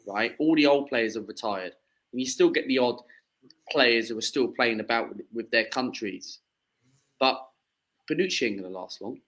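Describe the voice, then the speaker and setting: A man's voice: mid-range voice, fairly bright tone, low-quality recording. Rambling twenty-something man, casual chat. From southeast England. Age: 20s. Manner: rambling, many fillers and restarts. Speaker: guest football fan.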